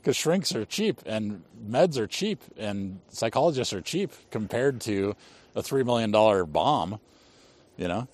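A man's voice: fairly low pitch, animated, a little slow, a little mellow. A man hosting a casual conversation, pressing his case with rhetorical questions.

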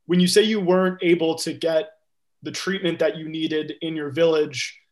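A male podcast host with a fairly high voice leads a casual interview. He asks questions in an upbeat, enthusiastic way and keeps the talk moving. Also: steady tone, normal speed.

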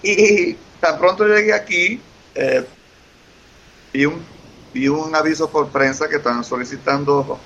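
Speaking unhurriedly with long pauses, a man from Venezuela talks as an effusive, eager interview guest in a casual conversation, frequently saying things again. His Venezuelan Spanish accent comes through a fairly high, fairly bright voice, recorded lo-fi with faint hiss.

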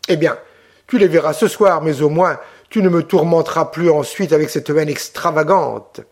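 Troubled young brother, gently reproachful, read by the narrator, slightly high voice. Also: male voice, moderate pace. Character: troubled young male officer, torn and reproachful.

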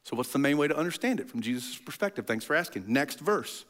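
A male pastor preaching a sermon in an animated storytelling way, often clearing his throat. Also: a little high, quick pace.

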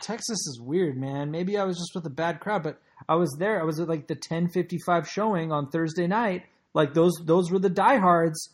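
A man's voice: a little high, moderate pace, few pauses. A man co-hosting a podcast, chatting casually and telling stories emphatically over a remote connection. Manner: excitable, emphatic storytelling. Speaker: podcast co-host. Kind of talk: casual chat. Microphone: remote call connection.

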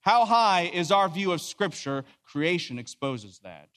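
Animated high-voiced man preaching in hall. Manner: quick, animated lecturing with rhetorical questions; low, solemn prayer. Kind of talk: lecture-style sermon. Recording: reverberant hall sound.

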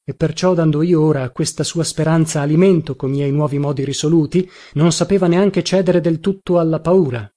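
A man's voice: on the high side, fairly even intonation, brisk, hardly any pauses, warm tone. Man narrating a literary audiobook.

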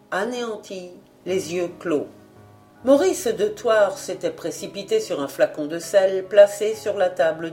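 A woman reading a novel aloud in steady, expressive narration. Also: medium pitch. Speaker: audiobook reader.

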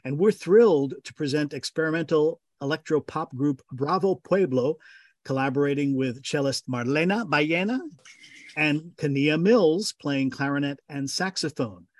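Higher-voiced man hosting a radio interview. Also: moderate pace, dry recording, clean studio sound. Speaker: radio host.

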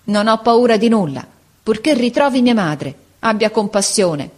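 A woman's voice: fairly high pitch, expressive, normal speed, a little mellow, voice pushed up. Woman voicing a desperate pleading young boy. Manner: pleading, tearful, urgent.

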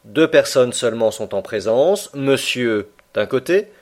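A man voicing a calm, devoted young manservant in an audiobook reading, speaking slowly and evenly in a raised voice. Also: mid-range voice, lightly acted. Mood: placid.

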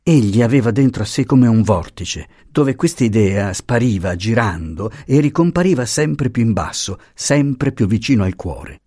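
Husky low-voiced guy reading a novel, dramatic, dry close sound. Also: normal speed, hardly any pauses, no echo. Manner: dramatic, expressive. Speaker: audiobook reader.

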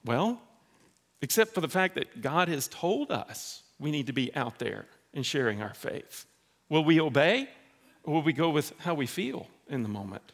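A man preaching a sermon in a church in a conversational, animated way, acting out dialogue. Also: a little high, moderate pace. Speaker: pastor.

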